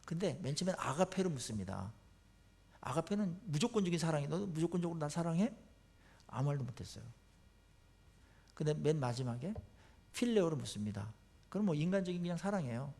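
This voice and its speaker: A male pastor delivering a sermon, his pitch high and very lively. He urges loudly, then drops to quiet explanation. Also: fairly quick, vocal fry, pauses often. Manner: emphatic, swinging between loud urging and quiet explaining.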